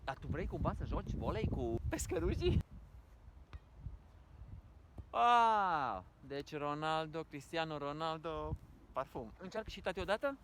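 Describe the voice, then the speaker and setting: Excitable father recording a family vlog outdoors, very animated delivery, plain background noise. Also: on the high side, pauses often. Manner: playful and excitable, laughs often. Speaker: vlogger and father.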